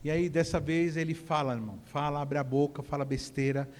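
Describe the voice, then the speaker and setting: A man, preaching in an animated, conversational sermon that builds to shouting. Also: on the high side, a little fast. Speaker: pastor. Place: church hall. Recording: echoey church hall.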